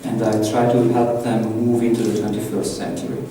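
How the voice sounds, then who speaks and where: An Italian workshop trainer with an Italian accent gives a live, chatty, loose talk in a large echoey conference room, throwing questions to the audience. His voice is lowish and dark, his delivery flat and a little fast. It was recorded from far off, with room echo and faint hiss.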